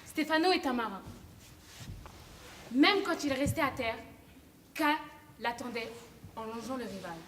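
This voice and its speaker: A woman on a theatre stage playing a young woman who gently tells a story to her friends. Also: a little high, expressive, measured pace, long pauses. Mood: calm. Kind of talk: stage play acting. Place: theatre stage, large hall. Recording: echoey hall, faint noise.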